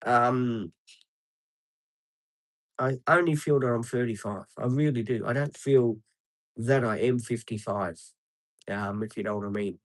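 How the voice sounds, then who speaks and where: A chatty man in his fifties rambles through a casual live stream, pausing on frequent ums and answering viewers by name. His voice sits at an ordinary middle pitch and sounds dry and close, with no room echo. He is outdoors beside traffic. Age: 50s.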